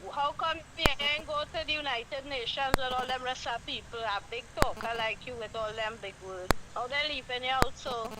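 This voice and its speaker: A woman's voice: high-pitched, moderate pace, hardly any pauses. A Trinidadian woman calling in to a radio show over a breaking-up phone line, teasing and blunt. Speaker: caller. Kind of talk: radio call-in. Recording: loud line noise, distant phone caller.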